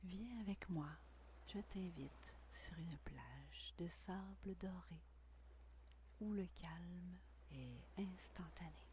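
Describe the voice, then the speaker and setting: A woman whispering a guided meditation intimately, right by the ear, in a breathy, soothing, unhurried voice with long pauses. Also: fairly low pitch, warm tone, a little hiss or hum. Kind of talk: guided meditation, scripted narration.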